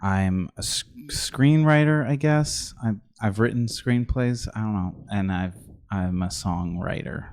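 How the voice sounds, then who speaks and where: Man co-host, young adult, lowish voice, hesitant, rambling, casual podcast. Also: a little slow, few pauses, darkish tone.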